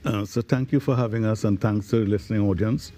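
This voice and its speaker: A man answering as an interview guest, explaining things deliberately and often feeling for his words. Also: fairly low pitch, fairly even intonation, warm tone. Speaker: guest, digital transformation advisor.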